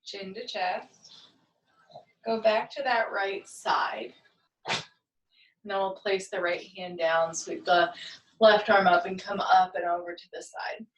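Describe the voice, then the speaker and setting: A woman leads a movement class, calmly talking students through each stretch and breath. Her voice sits at an ordinary middle pitch and is picked up from a distance. The room around her rings with echo. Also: slow, pauses often. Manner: calm, gentle step-by-step cueing. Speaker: movement and meditation teacher. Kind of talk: guided movement class instruction. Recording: echoey room, far from the mic.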